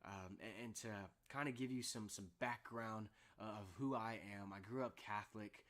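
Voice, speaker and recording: A young man sharing a personal faith testimony in a vlog, earnest and halting, with many fillers and restarts. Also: on the low side, fairly even intonation, a bit bright. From Houston area, United States. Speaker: vlogger.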